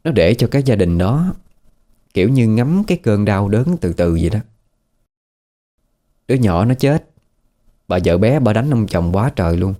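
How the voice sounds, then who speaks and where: A man with a Southern Vietnamese accent and a fairly low, mellow voice tells a horror story casually, in a chatty, conversational style, frequently asking the listener questions.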